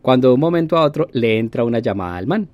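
An animated man tells a casual story straight to the camera. He acts out the other voices and fills gaps with playful sound effects. His voice sits at a middle pitch and is recorded dry and close. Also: quick pace, no echo, dull audio.

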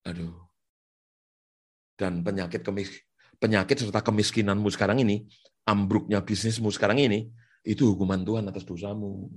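A male pastor preaching a sermon on the radio in an animated way, repeating phrases for emphasis. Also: on the low side, a little fast, pauses often. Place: radio studio.

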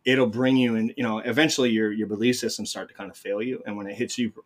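A middle-aged man telling his story as a guest in a casual conversation, talking rapidly with many restarts. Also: fairly low pitch, fairly even intonation.

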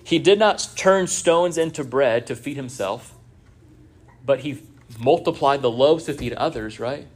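A man's voice: medium pitch, measured pace. A man preaching a sermon in a church, conversational, with many rhetorical asides to the congregation. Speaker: pastor.

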